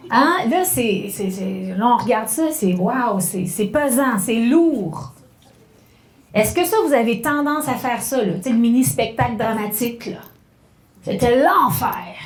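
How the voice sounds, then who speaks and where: A middle-aged woman with a Québécois French accent giving a spoken lesson on communication, talking conversationally and slowing down to act out examples. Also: on the high side, darkish tone, reverberant. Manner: conversational, acts out examples with slowed, stressed phrases. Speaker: communication workshop speaker.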